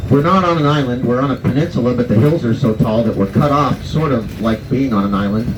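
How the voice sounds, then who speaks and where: A man's voice: mid-range voice, a little fast. Bus tour guy reciting his sightseeing spiel, far from the mic, noisy ride. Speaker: tour bus driver and guide. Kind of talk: rehearsed tour commentary. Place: tour bus on a hill road. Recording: echoey, distant, muffled, noisy vehicle sound.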